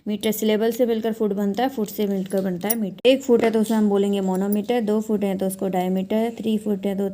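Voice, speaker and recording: A woman teaches an online English literature lesson in a mellow, warm tone. She stretches words out slowly to show each syllable, with frequent "uh" pauses. Her pitch sits in an ordinary middle range. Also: flat delivery. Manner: slow, drawn-out word-by-word syllable breakdowns with frequent fillers.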